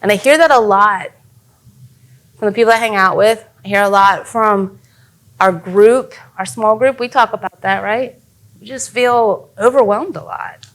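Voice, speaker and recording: A woman's voice: medium pitch, unhurried, fairly bright tone. A young adult woman giving a casual, earnest youth sermon as a youth pastor.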